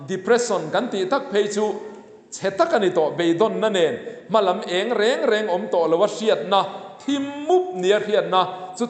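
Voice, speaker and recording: A man pastor delivering a sermon, earnest, sometimes dropping to a low, soft voice. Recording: echoey hall.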